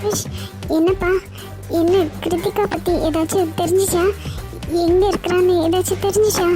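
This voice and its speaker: A woman's voice: very high voice, flat delivery, normal speed, music in the background. Woman doing a fretful middle-aged cartoon aunt. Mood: anxious. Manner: fretful, worried muttering.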